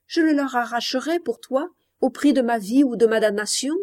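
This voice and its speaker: A woman's voice: on the high side, normal speed, darkish tone, voice pushed up, close to an everyday voice. A woman reading as a fervent young man. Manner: fervent, vehement. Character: young man, passionate and reckless. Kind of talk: audiobook reading.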